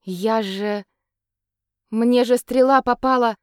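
A woman voicing a young male prince who speaks softly and sounds bewildered, in a dry, close storybook reading. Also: on the high side, clear, resonant tone, no echo, pitched above the performer's own voice. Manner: bewildered, soft, halting. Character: young man, a prince, dazed and gentle.

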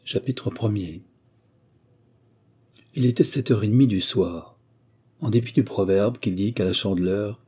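A man reading a classic story aloud as an audiobook narrator, calm and measured. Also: fairly low pitch, slightly rough.

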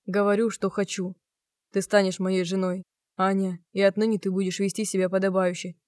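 A woman's voice: mid-range voice, level tone, brisk, no room sound, lightly acted. Woman voicing a domineering hot-tempered young man. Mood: firm insistent. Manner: shouting, commanding. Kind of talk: audiobook character reading.

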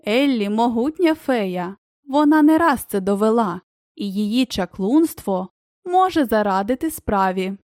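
A woman's voice: lively intonation, measured pace, a little mellow, no echo, studio quality. Woman doing a sly, scheming fat traitor. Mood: shrill. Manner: wheedling, shrill.

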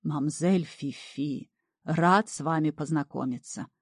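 A woman voicing a fat, bald old male swamp water-devil with a booming bass voice and ceremonious, blustering manner. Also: takes it slowly, breathy edge, dry recording, clean studio sound, heavily acted.

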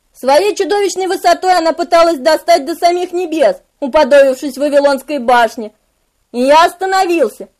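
A woman reading a novel aloud in a dramatic, vivid first-person narration. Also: high voice. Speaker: audiobook narrator.

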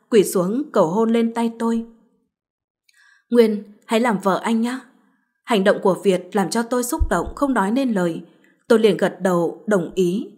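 A woman narrating a late-night story in a measured, even reading style. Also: mid-range voice, husky.

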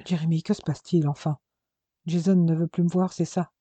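Man reading as a frantic young woman, anguished, questioning, slightly raised pitch, dark mellow tone. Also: level tone, brisk, no room sound, close to an everyday voice.

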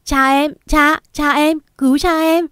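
A frantic young woman screams and pleads for her father through sobs, her voice pitched high and loud as a woman narrator acts her out. The dry, close reading keeps every cry sharp. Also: animated, a little slow, no room sound. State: sobbing.

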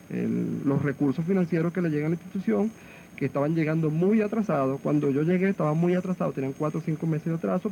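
Venezuelan male guest, AM radio broadcast sound, slightly high voice, mellow tone, halting, repeats words. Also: vocal fry. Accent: Venezuelan Spanish. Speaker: hospital director being interviewed. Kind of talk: radio interview. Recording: muffled AM radio with faint hiss.

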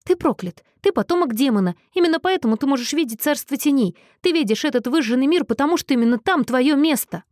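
A woman reading an audiobook, voicing a sharp, sorrowful young man who speaks intensely. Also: sits high, lively intonation, fast talker, few pauses, no room sound, studio quality, voice pushed up. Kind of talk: audiobook character voice.

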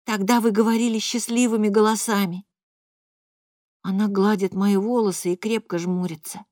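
A woman reading a first-person audiobook in a quiet, even storytelling voice. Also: medium pitch, normal speed, no room sound, clean studio sound. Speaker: audiobook reader.

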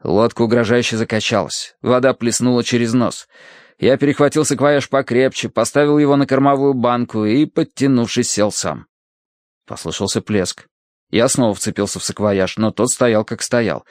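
A man reading an audiobook in lively, expressive comic storytelling. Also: mid-range voice, moderate pace, no room sound, clean studio sound. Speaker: audiobook narrator. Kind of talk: scripted narration.

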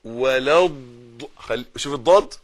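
A man's voice: mid-range voice, moderate pace. A middle-aged Egyptian man teaching Quran recitation, correcting mistakes and repeating each word for the listener to follow. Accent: Egyptian Arabic.

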